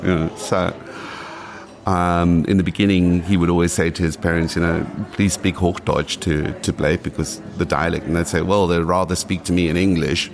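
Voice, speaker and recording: The speaker is a South African man in his late forties, accent intact, appearing as a guest in an informal interview. He talks at a moderate pace in a low, level voice with vocal fry, rambling and frequently restarting.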